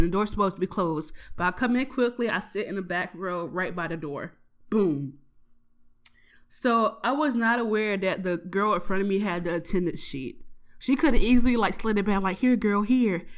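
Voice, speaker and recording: A young woman telling a story from her day in a casual, profane and exasperated way, with lots of swearing. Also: medium pitch. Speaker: podcast host.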